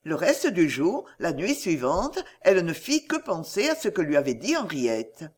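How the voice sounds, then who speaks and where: A woman reading a classic novel aloud as audiobook narration, in an expressive, measured manner. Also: lowish voice, husky. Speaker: audiobook reader.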